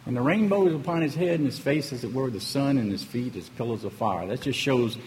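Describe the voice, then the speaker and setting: In an echoey hall with faint ambient noise, a man with a medium-pitched, darkish voice preaches a little fast. He is emphatic, asks many rhetorical questions, and keeps checking in with "okay?" and "right?".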